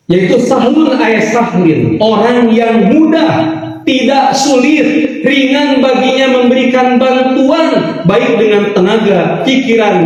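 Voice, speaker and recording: Male preacher with a high voice, sing-song delivery, caught from a distance in a booming hall. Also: dull audio. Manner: animated, sing-song preaching with Arabic quotations. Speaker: Islamic preacher. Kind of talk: sermon. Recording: echoey hall, voice from far off.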